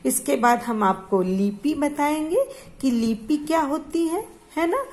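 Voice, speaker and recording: A woman's voice: high-pitched, lively intonation, a little mellow. A woman teaching a grammar lesson to schoolchildren, repeating points and asking questions that she then answers herself. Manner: slow, repetitive, asks questions and answers them herself.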